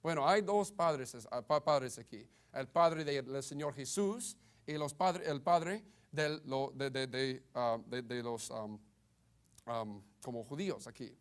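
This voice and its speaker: A man's voice: medium pitch, clean tone. A man preaching a sermon in a hesitant way, often stumbling and restarting words. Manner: halting, many restarts and stammers. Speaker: Baptist preacher.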